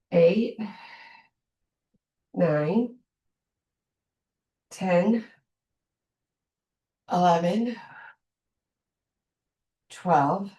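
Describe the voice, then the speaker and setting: A female fitness instructor leads a casual workout class, counting reps and repeating short, encouraging cues. Her voice is mid-range with a slightly dark tone. The microphone sits far from her in an echoey room.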